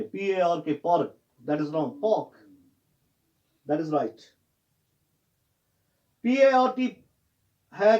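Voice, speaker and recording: Male teacher, high-pitched voice, spells out words slowly letter by letter in a classroom lesson. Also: darkish tone, lo-fi sound. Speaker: English teacher.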